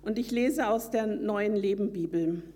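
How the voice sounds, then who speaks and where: A woman's voice: mid-range voice, unhurried, warm tone, long reverb tail. A woman preacher delivering a sermon with dramatic storytelling, earnest and emphatic.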